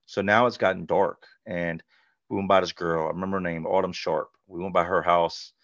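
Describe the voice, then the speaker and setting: A man's voice: low voice, steady tone, a little fast, fairly bright tone, no room sound. A middle-aged man from North Carolina, telling his life story as a podcast guest in a blunt, conversational way, full of "like" and "you know". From North Carolina, USA. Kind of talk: candid personal storytelling. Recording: dull, lo-fi dry sound.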